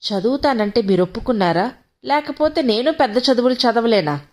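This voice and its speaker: A woman's voice: on the high side, animated, a little fast, a little mellow, natural voice. A woman reading the part of a timid young wife, pleading and hurt.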